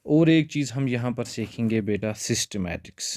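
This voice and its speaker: A man's voice: mid-range voice, lively intonation, moderate pace, darkish tone. A male biology teacher giving an exam-prep lecture, calling his students "beta" again and again and mixing English terms into his talk.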